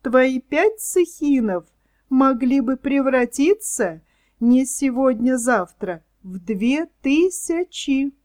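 A woman voicing a sly, scheming fox swindler in a storybook reading, talking smoothly and persuasively. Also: high voice, lively intonation, slow pace, darkish tone. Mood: coaxing.

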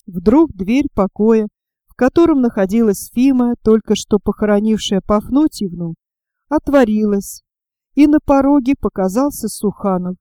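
Woman, audiobook narrator, fairly high pitch, very mellow and dark tone, measured and expressive, dry close sound. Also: no room sound. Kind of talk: audiobook narration of a historical novel.

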